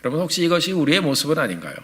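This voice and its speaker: A male pastor in his forties preaching a sermon in a church, telling a story in a lively, animated way. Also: a little high, racing. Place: church sanctuary.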